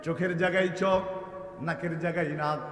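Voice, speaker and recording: A man preaching a sermon, chanting verses melodically, building to shouts and calling on the crowd to answer aloud. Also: high-pitched, fairly even intonation, fast talker. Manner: calls on the audience to answer aloud. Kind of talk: Islamic sermon. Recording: echoey hall, long reverb, PA sound.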